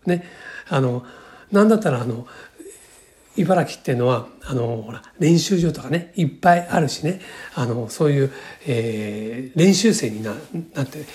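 A man's voice: mid-range voice, lively intonation, moderate pace, a little mellow. A man in his sixties talking alone as a podcast host, chatty and rambling, with a filler in nearly every phrase. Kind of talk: casual solo monologue.

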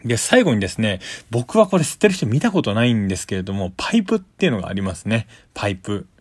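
A man's voice: lowish voice, very animated, fast talker, husky, dry recording. A man giving a casual, polite explanatory monologue as a solo host, going step by step in simple terms. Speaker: solo talk show host.

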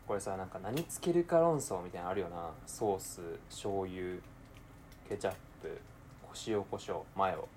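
A young man with a Kansai accent chats alone while cooking, muttering to himself and then bursting into excited shouts. His voice sits on the low side, with a faint hiss of noise behind it. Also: moderate pace. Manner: talks to himself, alternating mumbling with excited outbursts. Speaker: podcaster. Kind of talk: casual solo talk while cooking.

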